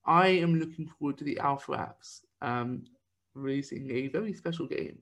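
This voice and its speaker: A man's voice: fairly high pitch, normal speed, a bit bright. A man co-hosting a casual podcast, rambling with lots of fillers as he chats. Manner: rambling, with many fillers and restarts. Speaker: podcast co-host.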